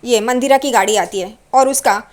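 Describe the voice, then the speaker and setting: A woman's voice: on the high side, moderate pace, darkish tone. A woman narrating a recap of a TV serial episode in plain running narration.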